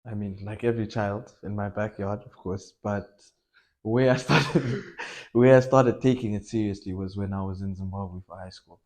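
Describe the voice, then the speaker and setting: A young man from Malawi chats easily about his life in football, his voice sitting a little low. He talks in a loose, animated way, joking and laughing as he goes. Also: moderate pace. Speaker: football coach and academy owner. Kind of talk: casual podcast interview.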